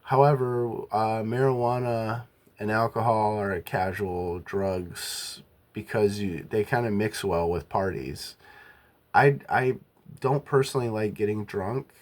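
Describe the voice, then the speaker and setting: Deep-voiced young man musing aloud. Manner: halting, self-correcting, musing aloud. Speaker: vlogger. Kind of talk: casual reflective monologue.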